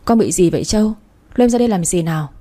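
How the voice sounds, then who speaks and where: An exasperated middle-aged mother, scolding sharply and pleading at once, as a woman storyteller voices her. The voice is mellow and slightly husky. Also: lowish voice, animated, racing.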